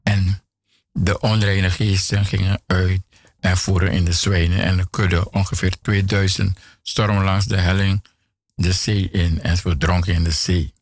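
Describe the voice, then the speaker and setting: A man with a very low, gravelly and husky voice reads scripture slowly and deliberately. The sound is close and dry, with no room around it. He pauses now and then to add a brief remark of his own. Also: little pitch movement, no room sound. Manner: measured, deliberate reading with occasional restarts. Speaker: Bible reader. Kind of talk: reading scripture aloud with brief comments.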